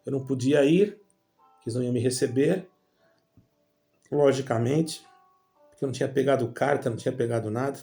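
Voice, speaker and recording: Brazilian guy rambling through his church testimony, gravelly voice, faint music behind. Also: mid-range voice, fairly quick, long pauses, mellow. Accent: Brazilian Portuguese. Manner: addresses listeners as brothers, rambling storytelling. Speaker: church member giving testimony. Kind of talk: religious personal testimony.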